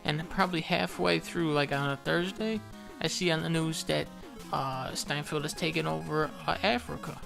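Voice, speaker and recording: A man's voice: fairly high pitch, fairly even intonation, moderate pace, creaky, music in the background. A man doing let's play commentary, rambling through absurd improvised stories and swearing casually. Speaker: gaming commentator.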